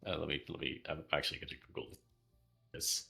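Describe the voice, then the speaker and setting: Very deep, bright-toned joking man. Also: steady tone, fast talker, vocal fry, faint music behind. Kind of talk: casual gaming stream chat.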